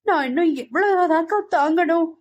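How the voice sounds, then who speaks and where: A woman's voice: high-pitched, brisk, darkish tone, lo-fi sound, pitched above the performer's own voice, natural voice. A woman voicing a tearful, wounded young woman in an audio novel, her speech trembling and sobbing.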